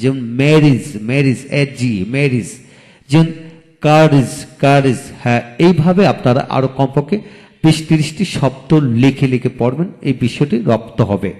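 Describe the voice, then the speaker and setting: A man's voice: mid-range voice, a little mellow. Man spelling out words in a reverberant room. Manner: spells words out letter by letter, then repeats them slowly. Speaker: English teacher. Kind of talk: recorded video lecture.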